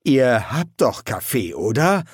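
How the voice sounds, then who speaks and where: A male audiobook reader voicing a gloomy vampire soldier who talks in a cold, clipped way and sometimes bursts out shouting. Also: mid-range voice, animated, a little slow, no room sound, studio quality. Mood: menacing. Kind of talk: audiobook character voice.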